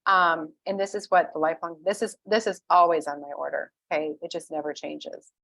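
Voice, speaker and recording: Chatty low-voiced woman giving a tutorial. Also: fairly even intonation, fairly quick, creaky, fairly bright tone, dry recording, low-quality recording. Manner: chatty, filler-heavy, checks in with "okay?". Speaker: essential oil wellness advocate. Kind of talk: screen-share tutorial walkthrough.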